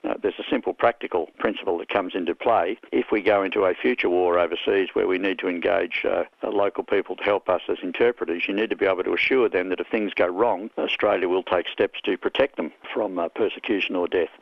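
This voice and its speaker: A man's voice: low voice, steady tone, fast, gravelly, hardly any pauses, dry recording. A man speaking as a spokesman in an interview, making his case in a structured, point-by-point way over a phone line. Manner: structured, argumentative, enumerating points. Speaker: defence association spokesman. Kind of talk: interview comments.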